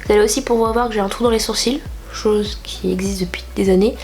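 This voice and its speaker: A fast-talking young woman from France has a medium-pitched, steady, darkish voice, with faint music behind her. She's a beauty vlogger nursing a cold, her nose stuffy and her voice nasal, as she chats casually through a makeup tutorial, rambling with many fillers.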